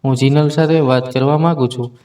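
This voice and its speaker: A man's voice: medium pitch, fairly even intonation, brisk, mellow, close to an everyday voice. A man voicing an earnest young husband in a spoken story, talking in a pleading way. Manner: pleading, then hurt. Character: earnest young husband trying to make peace.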